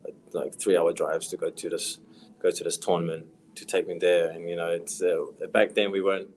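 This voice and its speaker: A young professional footballer from New Zealand, with a New Zealand accent, chats casually as a guest on a podcast. His low-pitched, soft-spoken voice is level and brisk, trails off quietly, and carries a slight hiss or hum.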